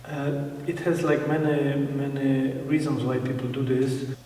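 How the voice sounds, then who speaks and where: A man's voice: medium pitch, little pitch movement, unhurried, mellow. Polish-accented man in an echoey hall. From Poland. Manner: hesitant, many fillers and restarts. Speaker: photographer. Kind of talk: interview talk. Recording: echoey hall, distant mic, faint noise.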